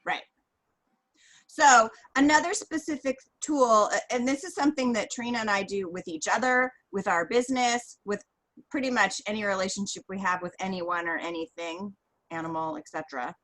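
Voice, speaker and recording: A woman's voice: medium pitch, normal speed, a bit bright, rough recording. A woman co-hosting a casual podcast, summing up points and giving parenting advice. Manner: sums up points and gives advice. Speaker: co-host.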